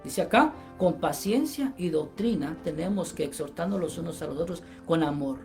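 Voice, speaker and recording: A woman's voice: deep voice, animated, normal speed, darkish tone, soft background music. A woman giving a Bible-teaching sermon, preaching emphatically and peppering her points with "amen" and "brothers".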